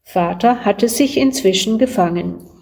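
Brief: woman narrator, mellow warm tone, unhurried devotional story reading. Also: medium pitch, vocal fry.

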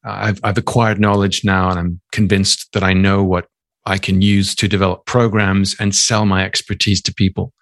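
A man hosting an interview, asking long questions in a measured way. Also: low-pitched, little pitch movement, fairly bright tone, no echo, studio quality. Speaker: podcast host.

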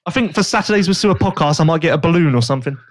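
Animated man telling stories. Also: a little high, rapid-fire. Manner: gossipy, animated storytelling with put-on quoted voices. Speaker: podcast host. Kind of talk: casual chat.

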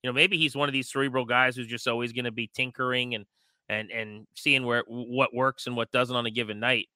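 Co-hosting a sports show, a man gives chatty commentary, his medium-pitched voice bright and crisp. Recorded dry on a close mic with no echo, he keeps a level tone and a brisk pace.

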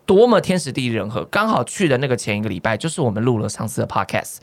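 A man, co-hosting a podcast and telling family stories in a casual, animated way. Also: mid-range voice, fast talker. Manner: animated, laughs often while telling stories. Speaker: podcast co-host. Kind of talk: casual storytelling chat.

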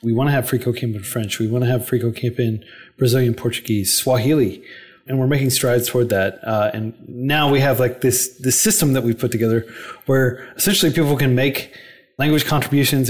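A man speaking as a podcast guest in a casual interview. His voice sits at a middle pitch, and he explains in an earnest way. He speeds up in quick bursts and uses plenty of fillers. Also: steady tone. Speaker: podcast guest, non-profit founder.

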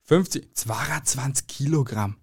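A man's voice: mid-range voice, a little slow, darkish tone, husky. A man, co-hosting a casual comedy podcast, joking and laughing often in colloquial dialect. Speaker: podcast co-host.

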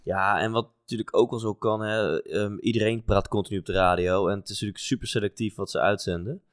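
Podcast co-host, male, lowish pitch, easygoing and halting, dry studio mic. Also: clear, resonant tone, no room sound. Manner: relaxed, hesitant with many fillers. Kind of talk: casual chat about motor racing.

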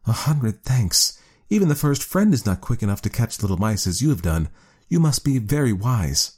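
A man voicing a busy, proud woman of the cave in a storybook reading, raising his pitch for her. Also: animated, fairly quick, gravelly, mellow, breathy edge. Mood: stern.

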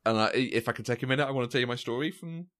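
A man's voice: mid-range voice, very fast. A man co-hosting a podcast, chatting casually and telling stories with lots of fillers and restarts. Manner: chatty, animated storytelling with frequent fillers and restarts. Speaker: podcast co-host. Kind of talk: casual chat.

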